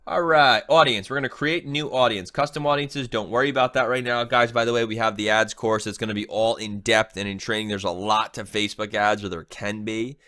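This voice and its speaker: Brisk and steady with few pauses, this young man's voice sits on the low side yet sounds bright and forceful, though a cold makes it slightly nasal. He's an online marketing trainer running a chatty, casual screen-share tutorial, frequently tossing in "right?".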